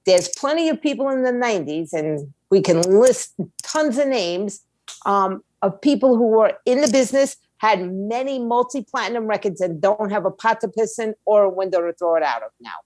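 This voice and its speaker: A music attorney and indie label owner, middle-aged, talks as a podcast guest, handing out blunt, streetwise advice through rhetorical questions. Her mid-range voice is expressive and darkish in tone, moving at a moderate pace. The recording is dry.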